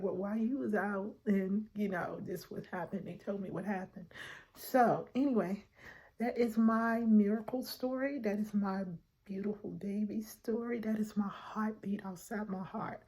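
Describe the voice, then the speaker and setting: A middle-aged woman tells a personal story straight to her viewers. Her voice is mellow and a little husky. She is animated and slips into the voices of the people she talks about, calling her viewers y'all. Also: medium pitch, moderate pace. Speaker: vlogger.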